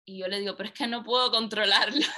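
A woman's voice: medium pitch, a little fast. A woman guest, telling a personal story in conversation and acting out the dialogue. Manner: animated, acts out quoted dialogue. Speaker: interview guest.

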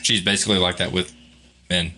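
A man's voice: low-pitched, little pitch movement, fairly quick, pushed and bright. A man in casual podcast chat, easygoing and making jokes. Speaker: podcast co-host.

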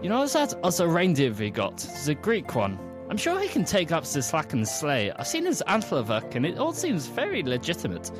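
A man's voice: fairly high pitch, wildly swooping pitch, moderate pace, few pauses, music in the background. A man voicing a confident female leader with a put-on German accent. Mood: assured.

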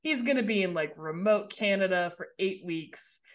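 A woman co-hosting a podcast who talks in a casual, chatty way. She laughs easily and slips into quoting the characters as she goes. Her voice sits at a middle pitch. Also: lively intonation, normal speed. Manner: chatty, laughs often, acts out quotes. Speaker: podcast co-host. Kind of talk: casual recap chat.

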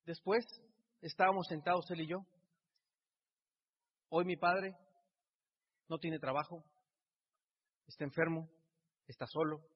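The speaker, a middle-aged Mexican man, builds an emotional motivational speech through repeated phrases at a measured pace, leaving long pauses. His fairly high voice is husky with fairly even intonation, and the hall recording is reverberant and dull.

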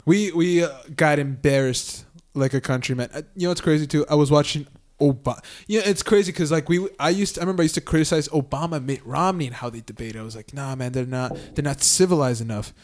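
A young man chatting casually with a friend, telling a long, animated story full of slang and swearing. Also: fairly high pitch, fast. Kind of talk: casual chat.

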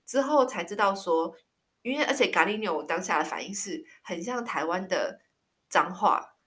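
Woman in her thirties, bright clear voice, chatty language teacher, spells words out. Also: mid-range voice, animated, normal speed. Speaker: Spanish teacher. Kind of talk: casual language lesson.

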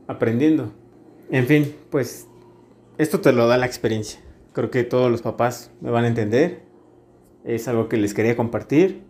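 A man, hosting a podcast about parenting, talking in a calm, reflective way with pauses and restarts. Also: medium pitch. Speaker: podcast host, father. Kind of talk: casual podcast monologue.

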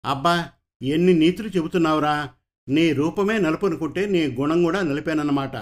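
A man voicing an angry woman teacher from a storybook, scolding a pupil sharply. The voice sits somewhat high for a man. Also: normal speed, close to an everyday voice. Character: stern, angry female schoolteacher.

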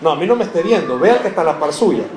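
A male pastor preaching a sermon, questioning the congregation directly with joking asides and slowing to stress key words. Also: a little high, very animated, darkish tone. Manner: slows and stresses words for emphasis. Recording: echoey room, faint background noise.

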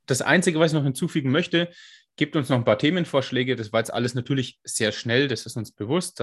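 A man with a scratchy smoker's rasp, co-hosting a podcast and explaining technical points in an informal, casual way. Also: mid-range voice. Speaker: podcast co-host and fitness coach.

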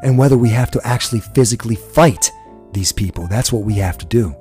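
A man's voice: medium pitch, brisk, dark tone, faint music behind. A man from the United States hosting a podcast, delivering an impassioned, profane political rant. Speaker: podcast host.

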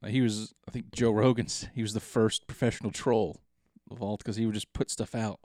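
A man co-hosting a podcast in casual chat, joking and telling animated stories. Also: lowish voice, normal speed, dry recording, clean studio sound. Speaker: podcast co-host.

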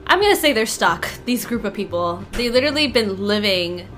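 A woman's voice: medium pitch, lively intonation, brisk, a bit bright. A woman co-hosting a casual podcast chat, giggly and often breaking off mid-sentence. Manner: giggly, self-interrupting. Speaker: podcast co-host.

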